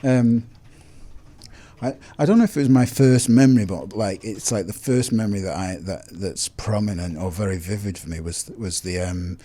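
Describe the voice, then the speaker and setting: A man, a guest speaking haltingly with many fillers. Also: lowish voice, mellow. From Lancashire, England. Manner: halting, repeats words, many "you know" fillers. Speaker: guest, psychotherapist. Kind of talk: casual interview.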